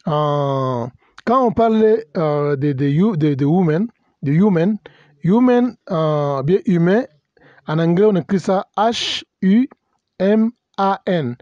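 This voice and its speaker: This man preaches slowly in a high, darkish voice with lively intonation; the audio is dull and has no echo. He's a pastor who speaks both English and French from birth, and his teaching sermon stumbles with fillers and self-corrections while he spells out words and slips in English terms.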